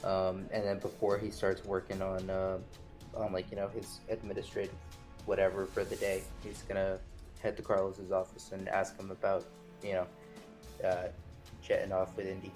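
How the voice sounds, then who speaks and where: A man with a fairly low voice who chats casually as a player in a tabletop role-playing podcast. He stammers often and repeats words as he warms up. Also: completely flat delivery, moderate pace, soft background music. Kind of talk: casual actual-play chat.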